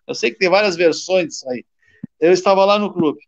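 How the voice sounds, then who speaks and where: A former football player from southern Brazil telling stories in casual chat, halting and repeating words. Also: male voice, high-pitched, vocal fry. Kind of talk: casual storytelling on a call. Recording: dull lo-fi call audio.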